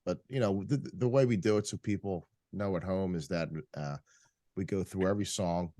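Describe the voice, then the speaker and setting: A congested, tired man hosting a casual podcast chat. He rambles with lots of fillers and clears his throat often. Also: sits low, moderate pace, warm tone, no room sound, studio quality. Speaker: podcast host.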